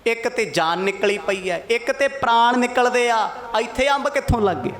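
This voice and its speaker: Male preacher doing a hungry, whining companion; begging, sulky, high-pitched. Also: normal speed, a bit bright. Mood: desperate pleading. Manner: whiny, begging, sulky complaining. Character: starving desperate grown male companion, pleading.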